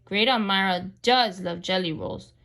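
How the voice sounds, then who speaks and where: A woman's voice: mid-range voice, a little slow, a bit bright. A woman voicing a fussy, flustered lady of the house in a storybook read aloud, giving bossy orders and shrieking in dismay. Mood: instructing. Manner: exclaiming, bossy instructions.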